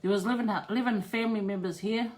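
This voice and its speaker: A woman's voice: medium pitch, steady tone, rapid-fire, darkish tone. A middle-aged woman with a Māori New Zealand English accent, giving a casual, plain-spoken personal account as an interviewee, with Māori words mixed in. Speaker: interviewee telling her family's story. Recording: clear background noise and ambience.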